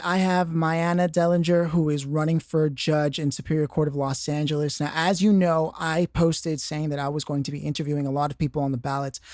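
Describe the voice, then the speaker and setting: A man's voice: a little high, a little mellow, no echo, studio quality. A man hosting a career podcast, introducing the show and interviewing a guest, earnest and prone to restarting his words. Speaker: podcast host.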